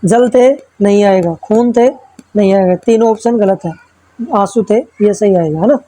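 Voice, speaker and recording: A woman's voice: mid-range voice, moderate pace, warm tone, low-quality recording. A woman teacher going through exam practice questions. She reads each question, then explains the answer step by step and keeps checking in with the listener. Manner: checks in with frequent tag questions. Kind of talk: exam-prep lesson.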